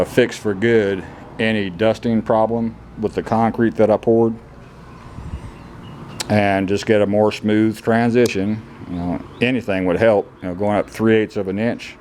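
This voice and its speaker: A man's voice: fairly low pitch, a little mellow, a little hiss or hum. A man on a casual DIY vlog, talking bluntly with plain rural slang while showing off a concrete floor in an old kennel building. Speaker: DIY vlogger.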